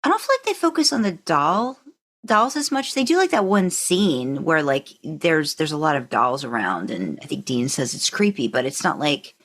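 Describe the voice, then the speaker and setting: A podcast co-host who narrates for a living talks through her opinions on something she's a fan of, casual and conversational, hedging as she goes. Her voice is deep and a bit bright, animated, at a moderate pace.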